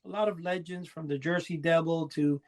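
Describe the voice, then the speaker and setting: In a casual panel chat, a middle-aged or older podcast co-host rambles along conversationally. His voice is a little high and steady, and he talks slightly fast.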